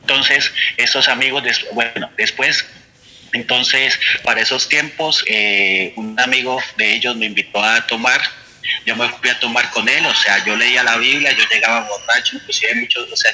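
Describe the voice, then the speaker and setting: A man's voice: lowish voice, sharp tone, breathy edge, rough recording. A man with a Colombian accent giving an earnest personal faith testimony, voicing his own past thoughts as he tells the story. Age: adult, with a son. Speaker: church member giving testimony.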